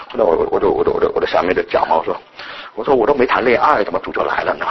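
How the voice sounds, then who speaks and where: A middle-aged man from mainland China preaching a sermon, animated and mimicking scolding elders. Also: fairly high pitch, gravelly, lo-fi sound, background noise. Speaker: pastor.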